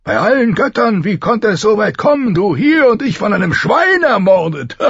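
A man voicing a boisterous dead king, a big bluff man who talks in a booming, raised, roughly mocking voice. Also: sing-song, moderate pace, fairly bright tone, dry recording, muffled recording, exaggerated voice.

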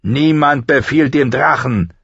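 A man voicing an arrogant, cruel young exiled king who is quick to rage, with a shrill, sneering voice. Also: slightly rough, dry recording. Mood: furious. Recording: slightly dull recording.

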